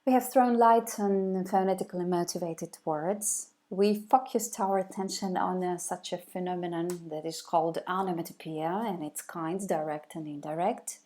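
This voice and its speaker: A woman's voice: fairly low pitch, steady tone, normal speed, hardly any pauses, dark tone. A woman giving a recorded video lecture, hesitant, with many fillers and restarts.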